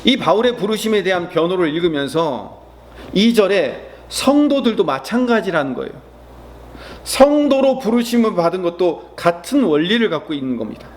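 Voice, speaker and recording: A man's voice: high voice, sing-song, moderate pace. A man preaching at an early-morning prayer service, earnest and full of rhetorical questions. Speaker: pastor. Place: church.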